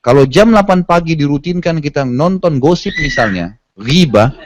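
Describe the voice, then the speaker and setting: A man's voice: fairly high pitch, expressive, moderate pace. A man giving a religious lecture, telling stories and acting out the quoted lines in a casual, colloquial way. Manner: storytelling with acted quotes, casual colloquial asides. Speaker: preacher.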